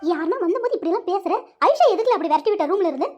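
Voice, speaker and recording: Someone voicing a domineering, money-minded cartoon mother who lectures her son. She scolds and bosses him in a very high-pitched voice at a quick clip. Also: animated, highs cut off, over music. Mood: scolding. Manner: scolding, bossy, colloquial. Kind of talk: cartoon voice acting.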